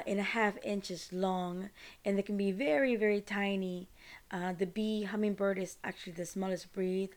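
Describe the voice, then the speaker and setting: This is a woman from Costa Rica hosting a podcast by herself. She talks in a loose, rambling way, casual and informal, at a pitch typical for a woman. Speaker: podcast host. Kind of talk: casual solo monologue.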